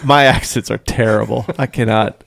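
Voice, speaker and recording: A man's voice: lowish voice, steady tone, moderate pace, creaky, fairly bright tone, dry recording. A man co-hosting a music podcast, chatting casually and laughing often between his points. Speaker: podcast co-host.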